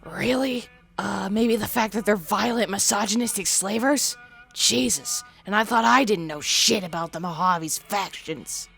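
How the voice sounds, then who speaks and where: In a fan-voiced game dialogue, a woman plays a companion character: a sardonic, crude young female ghoul who used to study psychology. Her medium-pitched, fairly bright voice carries vocal fry at a measured pace, sounding wry, blunt, crude and defensive over soft background music.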